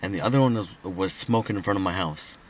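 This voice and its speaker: A man's voice: low voice, fast, a little hiss or hum, low-quality recording. A drunk man rambling casually in a personal recording, slightly slurring and losing his thread.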